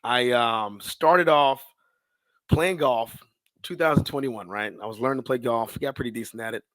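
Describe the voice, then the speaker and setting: This rough, echo-free recording captures an American man, roughly in his thirties, speaking at medium pitch and normal speed. Appearing as a podcast guest, he is a sports public address announcer who spins casual, slangy, animated stories, playing out past dialogue and his own thoughts.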